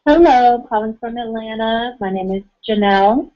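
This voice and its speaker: A woman calling in to a radio show over the phone, speaking earnestly and at a measured pace with frequent ums. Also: a little high. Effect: heard over a phone line into a radio show. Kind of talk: call-in talk radio. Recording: dull lo-fi phone-line sound.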